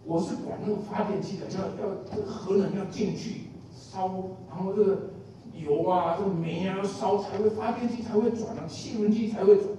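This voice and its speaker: High-voiced male preacher in an echoey room. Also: mellow, a little hiss or hum. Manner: folksy, asks the listeners questions, repeats phrases. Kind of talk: sermon. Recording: echoey room from a distant mic.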